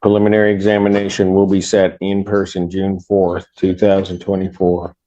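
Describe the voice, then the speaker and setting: A man's voice: deep voice, completely flat delivery, normal speed, dark tone, lo-fi sound. A man speaking formally as a judge in a courtroom, questioning and giving procedural rulings. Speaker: judge presiding over a court hearing.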